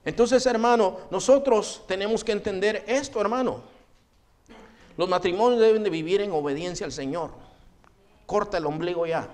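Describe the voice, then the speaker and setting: Pausing often, a man with a high-sitting, darkish voice speaks at normal speed as a pastor delivering a sermon. His tone is direct and scolding, and he repeatedly calls his listeners "hermano," or brother.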